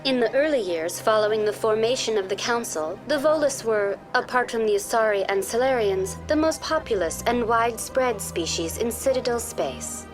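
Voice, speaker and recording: A woman's slightly high, animated voice gives scripted informational lines as a polite, programmed virtual guide in a video game. Lightly acted, the delivery is formal, courteous and precisely worded at a normal speed with few pauses, and music plays behind her.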